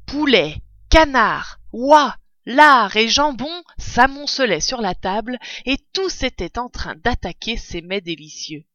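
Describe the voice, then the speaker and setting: A woman reads a children's story aloud. Her voice is bright and lively, and the sound is dry. The recording sounds dull and lo-fi. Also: a little high, slow, hardly any pauses, no echo. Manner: expressive, animated. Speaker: narrator. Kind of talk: storybook reading.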